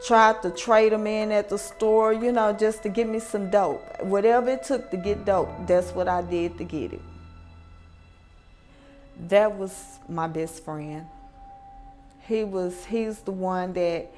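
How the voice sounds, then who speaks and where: A woman giving a heartfelt personal testimony as a radio guest, telling her story plainly with fillers. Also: medium pitch.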